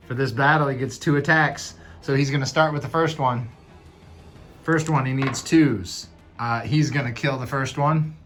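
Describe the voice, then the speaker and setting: A man's voice: mid-range voice, fairly bright tone. A man playing a solo tabletop dungeon game, reading cards aloud, counting moves and dice, and thinking aloud about the rules. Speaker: game master.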